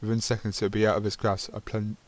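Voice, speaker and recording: A man's voice: lowish voice, flat delivery, quick pace. A man reading a narrative game's text aloud, stumbling over words and adding dry asides of his own. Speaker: gaming channel host.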